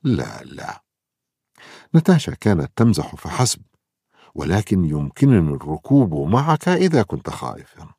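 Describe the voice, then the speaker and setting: A man's voice: low-pitched, wildly swooping pitch, moderate pace, vocal fry, warm tone, breathy edge, no echo, studio quality, exaggerated voice. A man voicing a kind, cheerful young male helper in a reassuring, friendly manner.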